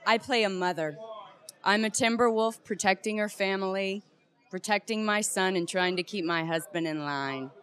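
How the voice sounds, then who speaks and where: A woman's voice: medium pitch, moderate pace, fairly bright tone, clean tone. A woman being interviewed as an actress on a premiere red carpet, talking in a gushing, emphatic way.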